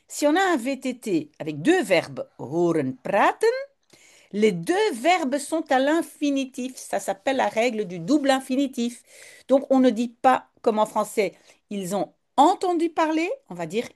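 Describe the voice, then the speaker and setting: A woman teaches at an unhurried pace, reading a short text and explaining it word by word. Her pitch moves freely up and down as she explains. She is patient and thorough, like a tutor going through a lesson. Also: darkish tone. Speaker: language teacher.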